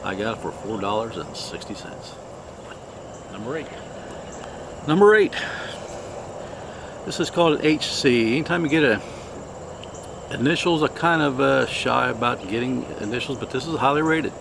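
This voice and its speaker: A man hosting a casual product review, talking in an unhurried, halting, plainspoken way. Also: mid-range voice, expressive, gravelly, noisy background. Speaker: cigar review host.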